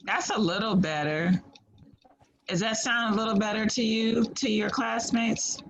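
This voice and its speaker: A woman's voice: on the high side, steady tone, measured pace, gravelly. A woman teaching an online class on a video call, patiently encouraging students and sorting out audio trouble. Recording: slightly muffled call audio, faint noise.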